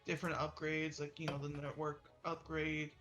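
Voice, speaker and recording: Man, slightly high voice, rambling casual talk full of filler. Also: completely flat delivery, moderate pace, fairly bright tone, faint music behind. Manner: rambling, heavy use of "like". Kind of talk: casual chat.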